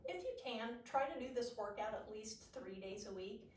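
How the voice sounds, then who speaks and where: Echoey, higher-voiced woman aerobics instructor. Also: expressive, normal speed. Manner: aerobics instructor cueing and counting out moves. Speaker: aerobics instructor leading a low-impact workout. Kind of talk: follow-along exercise instruction with counted moves. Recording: echoey room, distant mic.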